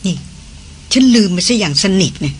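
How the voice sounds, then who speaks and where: A reader voicing an earnest titled lady on a jungle trek, who talks fast when anxious. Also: fairly low pitch, lively intonation, slight background noise, lightly acted.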